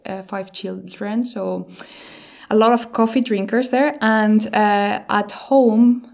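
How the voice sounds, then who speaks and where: A woman's voice: medium pitch, steady tone, takes it slowly, gravelly, darkish tone. A woman with a Spanish accent co-hosts a podcast, chatting informally and often stressing her points. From Spain. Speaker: podcast co-host. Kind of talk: casual conversational podcast chat.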